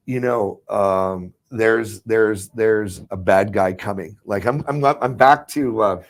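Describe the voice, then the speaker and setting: A man's voice: fairly low pitch, slow pace. A man teaching about ministry in casual chat, rambling with restarts and frequent chuckles.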